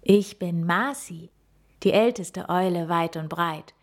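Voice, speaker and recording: A woman voicing a wise old female owl in a storybook reading, speaking calmly and gently. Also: fairly low pitch. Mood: gentle. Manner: calm, gentle and unhurried.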